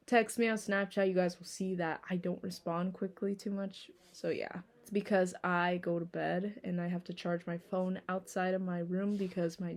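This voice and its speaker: A sleepy young woman vlogging casually, rambling with lots of fillers and yawns. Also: on the low side. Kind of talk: casual vlog talk.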